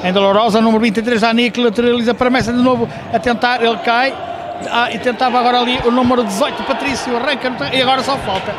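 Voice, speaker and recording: High-pitched man calling a futsal match. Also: fairly even intonation, fast, crowd noise. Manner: hesitant, self-correcting, thinking aloud. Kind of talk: live play-by-play sports commentary. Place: indoor sports hall during a match. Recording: noisy sports hall with bouncing balls. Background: gym noise, ball bounces.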